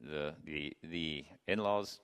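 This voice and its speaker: A middle-aged man preaching a sermon, emphatic, swinging from loud declarations to hushed asides. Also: very deep voice, slow pace, clean tone. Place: church sanctuary. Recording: long hall reverb.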